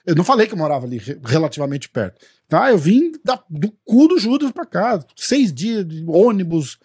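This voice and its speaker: A Brazilian man with a Brazilian Portuguese accent, hosting a studio talk show and telling a profane, animated story as he acts out the dialogue. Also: sits high, normal speed, husky, no echo. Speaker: podcast host. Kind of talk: casual storytelling chat.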